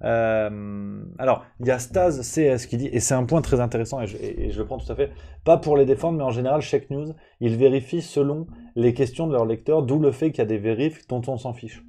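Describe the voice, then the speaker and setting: A man's voice: medium pitch, fairly quick, warm tone. A man hosting a live press review, ranting in a casual, sarcastic way with many fillers and restarts, plainly annoyed. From France.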